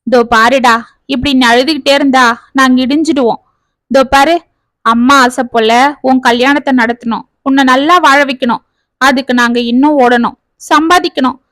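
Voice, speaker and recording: A caring young working man, voiced by a woman reading the story, speaking earnestly and a little pleadingly. The voice stays high, with a dry, close sound. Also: steady tone, normal speed, fairly bright tone, no echo.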